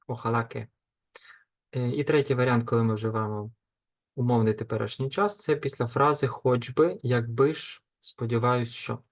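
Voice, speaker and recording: A man teaching a grammar lesson, slowly and deliberately reading out lists of verb forms and explaining them. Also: medium pitch. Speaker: language teacher.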